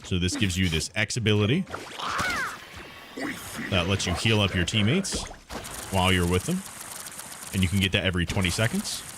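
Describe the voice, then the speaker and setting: A man's voice: low-pitched, animated, normal speed, pauses often. A man giving casual gameplay commentary as a streamer and host. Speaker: game streamer and video host. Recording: loud game noise and clicking.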